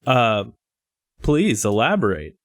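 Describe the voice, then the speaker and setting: A man co-hosting a casual podcast, relaxed and wry as he prompts his partner. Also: lowish voice, takes it slowly. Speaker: podcast co-host.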